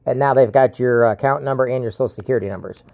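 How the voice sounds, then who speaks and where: Warm and medium-pitched with some vocal fry, this American man talks fast over a faint hiss or hum. In a scam-warning video he's a plain-spoken, insistent identity theft protection seller who keeps repeating himself while casually warning viewers and phone callers.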